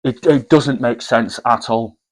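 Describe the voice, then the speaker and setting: A man's voice: medium pitch, unhurried, poor audio. A man giving opinionated commentary to viewers, with frequent restarts and repeated words. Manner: hesitant, repeats words, addresses viewers as guys. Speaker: commentary vlogger.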